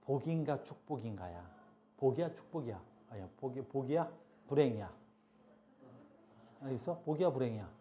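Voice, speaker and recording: A middle-aged male teacher giving a classroom lecture, chatty and lively, often stopping to ask the class if they understand and scolding students in passing. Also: medium pitch, normal speed, pauses often, slight background noise. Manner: keeps asking "알겠니?" to check understanding. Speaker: high school biology teacher. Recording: dull lo-fi classroom recording.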